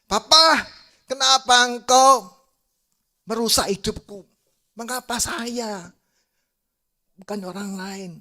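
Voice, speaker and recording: A male preacher voicing an anguished young woman who cries out high and loud in anger at her father. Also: drawn-out words, heavily acted.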